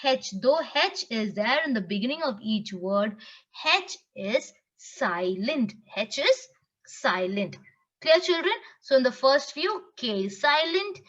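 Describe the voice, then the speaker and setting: Woman teacher, high animated voice, spells letters aloud, quizzes children, emphatic. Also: takes it slowly. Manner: spells out words letter by letter and asks the class questions. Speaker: schoolteacher. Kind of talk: recorded English grammar lesson for children. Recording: dull lo-fi recording.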